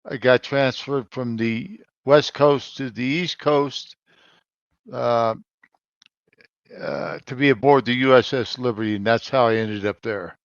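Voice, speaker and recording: An older man from Colorado tells his navy story over a call, his words halting and his volume rising and falling. The audio is dull and lo-fi but dry, with no room sound. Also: medium pitch, fairly even intonation, dry recording. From Colorado, United States. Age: 70s. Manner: halting, with frequent pauses and swings in loudness. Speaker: navy veteran guest. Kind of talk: conversational interview answers.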